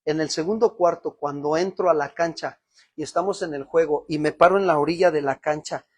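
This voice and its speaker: A Mexican pastor with a somewhat husky, raised-pitch voice preaches to his congregation. He tells a story and climbs to emotional peaks. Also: a little fast. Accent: Mexican Spanish. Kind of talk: sermon.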